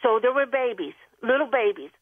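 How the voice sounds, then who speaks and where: A woman's voice: a little high, expressive, fairly quick, slightly rough, no echo. A woman calling in to a radio show over the phone, telling a rambling story in a nervous, earnest way. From Tennessee. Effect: phone line. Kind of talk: call-in radio chat. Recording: tinny phone line.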